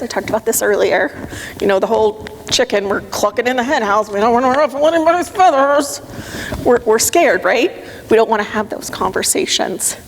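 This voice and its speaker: Emphatic woman speaker in a reverberant hall. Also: on the high side. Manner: emphatic, direct and coaching. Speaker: motivational speaker. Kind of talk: live talk to an audience. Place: conference room with audience. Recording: long hall reverb, faint noise.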